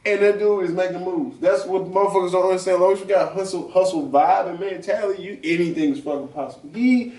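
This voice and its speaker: A man's voice: high-pitched, steady tone, quick pace, few pauses, a little mellow. A man hosting a casual talk show, chatting in loose slang with plenty of swearing. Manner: slangy, profane banter. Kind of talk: casual chat. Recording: roomy echo, distant mic.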